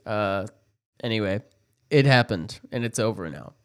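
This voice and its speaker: A man co-hosting a podcast in casual chat, laid-back and quick to laugh. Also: on the low side, expressive. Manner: laid-back, laughs easily, short replies. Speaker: podcast co-host.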